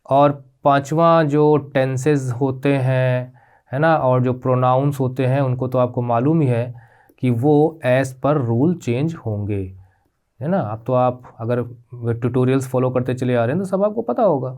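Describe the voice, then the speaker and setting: A male teacher talks over his slides at a middle pitch, patient and methodical. He slows down to spell out key terms and keeps checking in with his students. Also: darkish tone. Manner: patient, repeats "ठीक है?" checks with rising pitch; spells out terms slowly, mixing English words into Hindi. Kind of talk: classroom grammar lesson.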